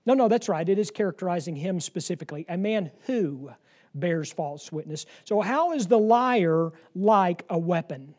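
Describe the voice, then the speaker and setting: A man leading a Bible study class in a room, lively and joking, often laughing as he explains proverbs. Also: high voice, normal speed. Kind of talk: interactive Bible lesson.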